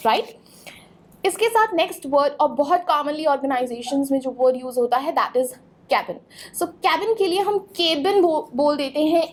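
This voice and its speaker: A woman teaching English pronunciation in a clear, instructive lesson, spelling words out letter by letter. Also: high-pitched. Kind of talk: explanatory lesson.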